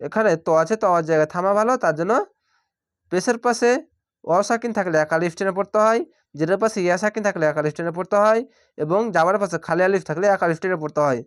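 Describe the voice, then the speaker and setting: A man teaching Quran reading, spelling out each syllable slowly and drawing out the sounds. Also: high-pitched, smooth, no echo, clean studio sound. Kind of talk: syllable-by-syllable recitation lesson.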